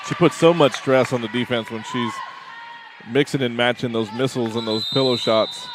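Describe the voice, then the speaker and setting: A man's voice: medium pitch, fairly even intonation, normal speed, crowd noise, background noise. A man giving color commentary on a school volleyball match, agreeable and laid-back in his analysis. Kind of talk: sports commentary.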